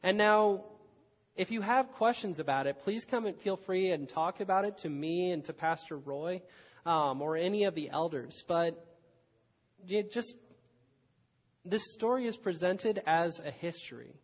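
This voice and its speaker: A man's voice: sits high, expressive, unhurried. A man preaching a sermon in a church, telling the story dramatically with rising and falling emphasis. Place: church hall. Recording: muffled sound with long hall reverb.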